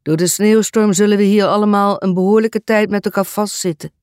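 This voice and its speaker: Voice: mid-range voice, fairly even intonation, fairly quick, darkish tone, clear, resonant tone, no room sound, clean studio sound, pitched above the performer's own voice, natural voice. A narrator putting on a fussy, aggrieved old priest. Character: complaining pompous male parish priest.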